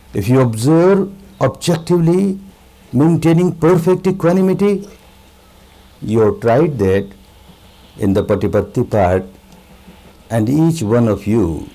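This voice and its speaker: A male meditation teacher delivers a spiritual discourse in a fairly high, creaky voice. He speaks very unhurriedly, repeating key words for emphasis and leaving deliberate pauses between short phrases. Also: dark tone, poor audio.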